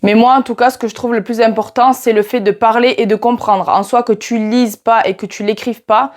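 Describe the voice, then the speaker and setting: Her voice is fairly high, brisk, and fairly even as this woman in her twenties, from France and carrying a southern French accent, casually discusses teaching Portuguese in a vlog. She keeps turning to the viewer, chatting with phrases like "tu vois."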